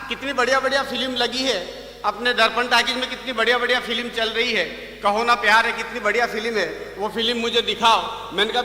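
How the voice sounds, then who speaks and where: A man telling comic anecdotes as a stage poet at a live poets' gathering, building his punchlines up to a shout. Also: extremely high pitch. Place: outdoor fair stage. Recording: echoey hall from far off.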